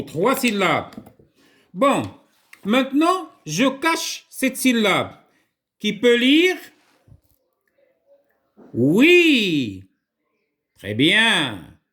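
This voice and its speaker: A man with a Moroccan accent teaching a writing lesson to young children, slowly repeating words for them to echo. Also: sits high, fairly bright tone.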